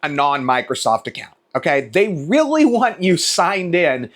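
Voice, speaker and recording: High-pitched man ranting, exasperated and animated. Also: unhurried. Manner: swears casually. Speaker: video creator. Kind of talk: casual off-the-cuff opinion rant.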